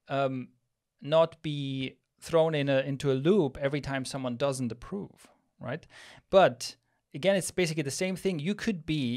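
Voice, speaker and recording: A man in his thirties from Switzerland, co-hosting a casual podcast and thinking aloud with restarts into a studio mic. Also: medium pitch. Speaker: podcast co-host. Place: small studio room with plant wall. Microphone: studio mic on boom arm, headphones.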